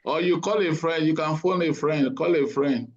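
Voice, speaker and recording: The tutor here has a darkish voice on the high side and speaks at normal speed. Through muffled, lo-fi call audio, he quizzes his anaesthesia students, ribs them encouragingly, and awards marks.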